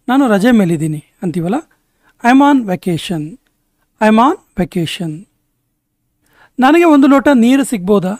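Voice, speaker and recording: A man teaching spoken English, saying each short sentence twice in a slow, deliberate way. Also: high-pitched, darkish tone, no room sound, studio quality. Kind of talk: spoken language lesson.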